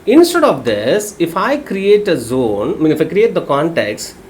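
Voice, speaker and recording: A man's voice: on the high side, very animated, moderate pace, a little hiss or hum. A man with a Telugu Indian English accent giving a live technical lesson, explaining step by step and often checking understanding with short tag questions. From Telugu-speaking region of India. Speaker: technical instructor.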